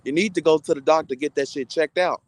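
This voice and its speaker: A man's voice: fairly high pitch, fairly even intonation, fast, no room sound, low-quality recording. A content creator, a man, delivering a heated, insulting, mocking rant to his online audience.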